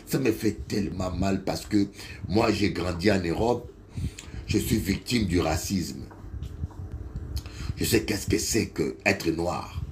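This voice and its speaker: Brief: Congolese-accented male preacher, middle-aged, low and deliberate, testimony that builds to high cries. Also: slight background noise. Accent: Congolese French. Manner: slow storytelling that swells to loud, high shouting. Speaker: bishop preacher. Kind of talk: sermon with personal testimony.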